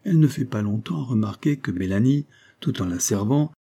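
Husky, dark-voiced man narrating a novel. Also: mid-range voice, expressive, a little fast. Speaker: audiobook reader. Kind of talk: literary narration.

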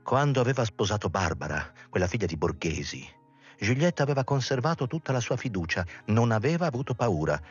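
A man reading a novel aloud in a measured, dramatic storytelling manner with a husky voice. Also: mid-range voice, very animated, muffled recording, faint music behind. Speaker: reader. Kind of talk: literary audiobook reading.

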